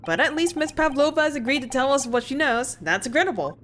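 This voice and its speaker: A woman's voice: high-pitched, animated, fast talker, a bit bright, slight background noise, voice pushed up. A woman voicing a flustered, exasperated young male lawyer.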